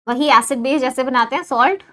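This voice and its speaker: A high-pitched woman runs an online chemistry lecture for exam students. She switches between Hindi and English in the same sentence. She keeps stopping to quiz her viewers and asks whether each step is clear. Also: a little fast, bright, forceful tone. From India. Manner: mixes Hindi with English phrases. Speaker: chemistry teacher.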